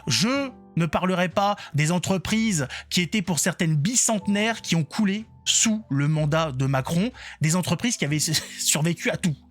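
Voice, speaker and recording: A man's voice: sits high, expressive, moderate pace, hardly any pauses, soft background music. A man giving informal political reaction commentary online, colloquial and sarcastic, with a mocking way of talking.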